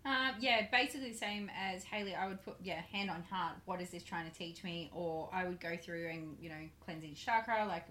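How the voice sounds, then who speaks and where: A woman guest speaks in a very bright, sharp voice. She rambles and hesitates, filling her pauses as she goes. Faint ambience sits behind her. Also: on the low side, slight background noise. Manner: hesitant, rambling with many fillers. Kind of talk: casual chat.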